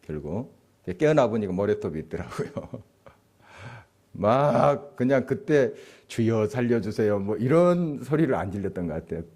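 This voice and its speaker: A man's voice: fairly low pitch, big pitch swings, normal speed, darkish tone. A male pastor giving a conversational sermon, asking the congregation questions and chuckling as he speaks. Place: church sanctuary.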